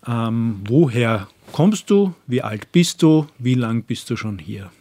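A man's voice: medium pitch, animated, takes it slowly, dark tone. A man hosting a community radio show for young people, asking friendly, encouraging questions. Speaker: radio host. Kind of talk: radio interview.

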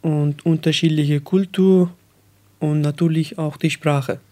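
A nineteen-year-old man from Afghanistan, a radio guest, speaking slowly and searching for words with many fillers. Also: fairly high pitch, fairly even intonation, warm tone. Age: young adult. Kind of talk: radio interview.

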